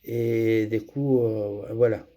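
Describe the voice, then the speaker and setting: A man's voice: on the low side, fairly even intonation, takes it slowly, warm tone. A middle-aged man from Andalusia with a Spanish accent, speaking French as a second language and giving a personal testimony, hesitant with many fillers and restarts. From Andalusia, Spain. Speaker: testimony giver.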